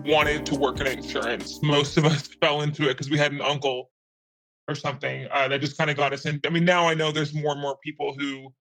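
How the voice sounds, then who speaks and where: Disguised altered male voice, thirties, slightly high pitch, candid rambling interview chat, faint music behind. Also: fairly bright tone, poor audio. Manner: chatty and candid, loose rambling sentences. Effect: voice altered for anonymity. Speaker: interviewee, meme page admin.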